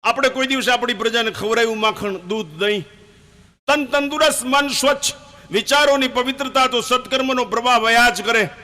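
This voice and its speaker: An older man preaching a fiery sermon, emphatic and at times shouting. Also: extremely high pitch, fairly quick.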